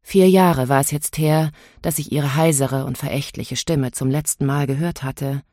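A woman narrating a novel in the first person, in a measured, inward storytelling manner. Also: deep voice, steady tone, dark tone, no echo, clean studio sound. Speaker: audiobook narrator.

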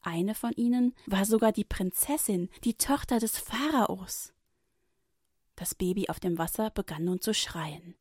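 A woman reading a Bible story for children, gently and expressively. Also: medium pitch, a little slow, breathy edge, dry recording, studio quality.

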